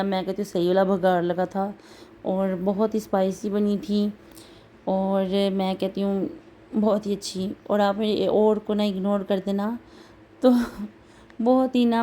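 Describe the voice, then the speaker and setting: A woman vlogger chatting through a casual voice-over, rambling with many fillers, her throat a little hoarse. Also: medium pitch, dark tone. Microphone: home voice-over recording.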